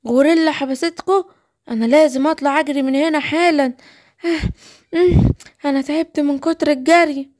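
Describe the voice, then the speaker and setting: A woman's voice: high-pitched, steady tone, brisk, a little mellow, natural voice. A woman with an Egyptian accent voicing a timid, worried young lion cub. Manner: anxious, calling out.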